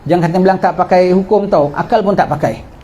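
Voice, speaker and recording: A middle-aged man giving a religious lecture, telling history in a lively way and asking and answering his own questions. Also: high-pitched, quick pace.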